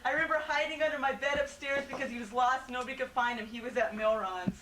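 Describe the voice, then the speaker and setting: A woman's voice: high-pitched, fast. A woman reading childhood stories aloud to her family, often laughing as she tells them, heard on an old VHS home video. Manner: laughing often through the telling. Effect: old VHS home video sound. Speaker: family member sharing memories. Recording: hissy, distant, roomy home video tape.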